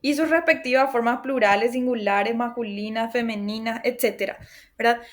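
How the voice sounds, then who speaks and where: A woman teacher giving a class lecture, explaining patiently, often checking in with her students and reassuring them with a laugh. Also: on the high side. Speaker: language teacher.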